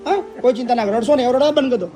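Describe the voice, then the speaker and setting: A man hosting and interviewing, asking gentle questions and reassuring the people he talks to. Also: very high voice, rapid-fire, soft background music. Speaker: host and interviewer. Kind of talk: consoling interview.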